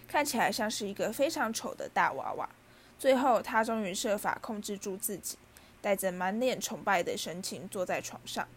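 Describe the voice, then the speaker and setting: A woman reading a storybook aloud as narrator, in a steady, even manner. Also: mid-range voice, a little hiss or hum. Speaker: audiobook reader.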